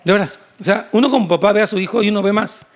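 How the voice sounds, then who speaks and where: A male pastor with a fairly high voice preaches in a church service. He is lively and conversational, breaking into little acted-out dialogues and speaking straight to his listeners. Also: racing. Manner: animated, acts out quoted voices in shifting tones; addresses congregation directly and often. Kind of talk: sermon.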